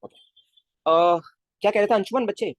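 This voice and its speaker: A man's voice: high voice, normal speed, dry recording, studio quality. A male physics teacher in a casual live class, coaxing his students with constant questions and calling them kids. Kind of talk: live online class lecture.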